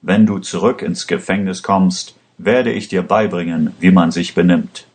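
A man's voice: sits low, steady tone, unhurried, darkish tone. A man voicing a harsh, threatening male prison guard in a read-aloud story. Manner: threatening, commanding.

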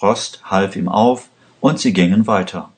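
A man reading a story aloud in a plain, even storybook manner. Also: low voice, measured pace. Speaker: narrator. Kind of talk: slow scripted story narration.

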